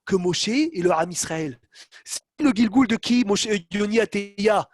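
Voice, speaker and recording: Animated high-voiced man teaching Torah. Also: measured pace, no echo, studio quality. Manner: animated, calls on students by name, acts out quotes. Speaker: rabbi teaching a Torah class. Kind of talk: online Torah lesson.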